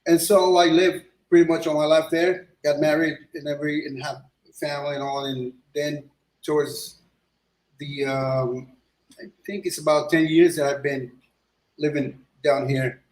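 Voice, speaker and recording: A middle-aged Ecuadorian illustrator appears as a guest in a casual interview. His fairly high voice barely moves in pitch, is unhurried, and has a darkish tone. He rambles loosely with many restarts and fillers, recorded in an echoey room.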